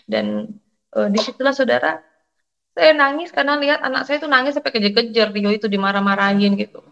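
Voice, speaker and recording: A middle-aged woman, telling her faith testimony in an emotional, halting way and addressing listeners directly. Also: a little high, very animated, gravelly, fairly bright tone, muffled recording. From Indonesia. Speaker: testimony guest.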